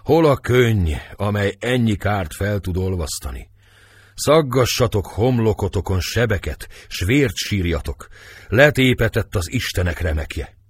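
A man voicing a grief-stricken middle-aged nobleman, declaiming slowly and with passion in a husky voice. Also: lowish voice, animated, dry recording, studio quality. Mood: anguished. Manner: impassioned, declamatory, slow and heavy.

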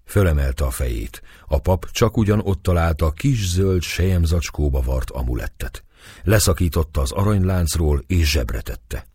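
A man reading a novel aloud as narrator in measured storytelling, husky voice. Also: deep voice, animated, warm tone, no echo, studio quality. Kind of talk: audiobook narration.

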